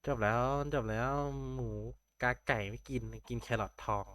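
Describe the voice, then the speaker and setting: A man's voice: medium pitch, steady tone, normal speed, fairly bright tone. A young man casually commenting on his Minecraft game, thinking aloud and chatting with viewers. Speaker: gameplay streamer.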